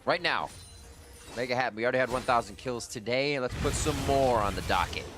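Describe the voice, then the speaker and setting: A man calling live play-by-play for an esports match in a brisk, energetic way. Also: mid-range voice, music in the background. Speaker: esports commentator.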